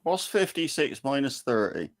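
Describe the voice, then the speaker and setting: A man's voice: mid-range voice, very animated, normal speed. A man chatting casually as a second voice on a livestream.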